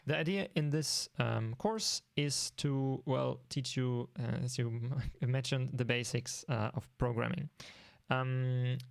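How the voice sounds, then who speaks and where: Hesitant German-accented male tutor, gravelly tone, mid pitch, dry recording. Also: slow, dry recording. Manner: hesitant, many ums and restarts. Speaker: programming course instructor. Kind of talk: informal online lesson.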